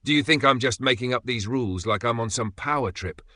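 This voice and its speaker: A man voicing a frightened, protective middle-aged father who shouts stern warnings at his children. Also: lowish voice, expressive, moderate pace, no echo. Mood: angry scolding.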